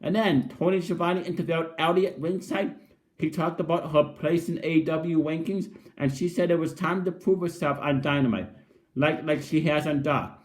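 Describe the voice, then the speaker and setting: A man's voice: a little high, steady tone, normal speed. A man giving a casual spoken review of a wrestling show as an enthusiastic fan, often repeating and restarting his phrases.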